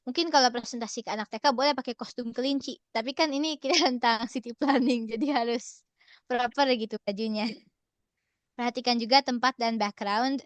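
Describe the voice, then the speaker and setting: A woman's voice: on the high side, brisk, dry recording. A young woman presenting an online workshop from a relative's home in a casual, cheerful way, often laughing and slipping in English phrases. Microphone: video call.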